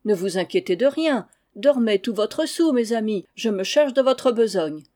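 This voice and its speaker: A woman reading aloud and voicing a polite young male traveler who speaks gently and reassuringly. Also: on the high side, expressive, moderate pace, lightly acted.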